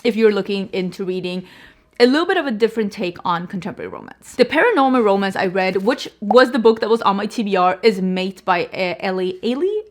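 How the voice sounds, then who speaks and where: A young Swedish woman, a native Swedish speaker, chats casually to camera while reviewing books. Her mid-range voice has lively intonation and a fairly quick pace. She's chatty and full of fillers, with frequent restarts, self-corrections and lots of "like."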